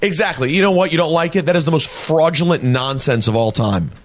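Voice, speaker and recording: A man's voice: a little high, brisk. A man hosting a sports radio show, bantering in a playful, teasing way. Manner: playful, teasing, leads the talk.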